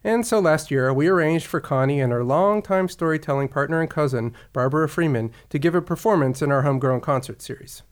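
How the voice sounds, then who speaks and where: A man's voice: a little high, fairly quick, hardly any pauses. Man, podcast co-host, wry, informative, scripted delivery.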